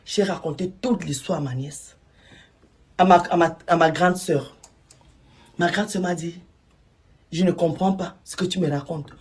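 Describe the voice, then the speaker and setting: Husky woman retelling a grim testimony. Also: on the low side, darkish tone. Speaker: storyteller.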